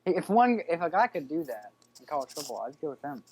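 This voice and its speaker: Joking young man, lively pitch. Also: a little fast, a little hiss or hum. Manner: joking, playful. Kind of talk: casual sports chat.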